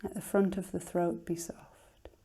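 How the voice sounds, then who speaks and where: This is a woman teacher leading relaxation, soothing and gently instructive, never rushed, with a soft voice that goes breathy at phrase endings. Her voice is lowish and her delivery flat, even whispered.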